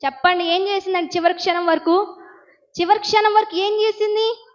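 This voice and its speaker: A woman preacher with a high voice tells a sermon story with great emotion, swinging into high pleading cries and firing questions at the congregation. The recording sounds dull and lo-fi. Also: level tone, moderate pace.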